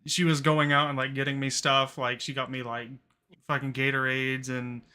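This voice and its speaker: A man's voice: medium pitch, flat delivery, moderate pace, sharp tone, smooth. A man hosting a casual podcast, rambling with lots of fillers and swearing freely. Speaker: podcast host. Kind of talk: casual chat.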